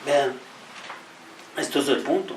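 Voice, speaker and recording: A man's voice: medium pitch, slow, a little hiss or hum. A man with a Mexican Spanish accent preaching a sermon in an earnest, repetitive way and often turning to address the congregation directly. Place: church hall. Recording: roomy echo, from far off, faint ambience.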